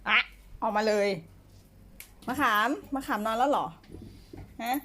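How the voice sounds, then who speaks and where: Slow, doting woman coaxing her pets. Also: a little high, fairly even intonation, fairly bright tone. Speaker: pet owner streaming live to fans. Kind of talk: casual live-stream chat. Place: home condo room.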